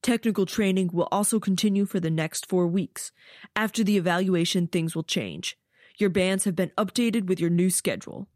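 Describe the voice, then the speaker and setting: A woman's voice: on the low side, normal speed, a little mellow, no room sound, clean studio sound, natural voice. A woman voicing a stern male drill sergeant giving formal, commanding orders to recruits in an audiobook.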